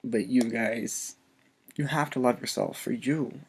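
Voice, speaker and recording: A man vlogger speaking softly and earnestly in an emotional personal video message, halting as he fights back tears. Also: medium pitch, gravelly, a little hiss or hum. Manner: soft-spoken.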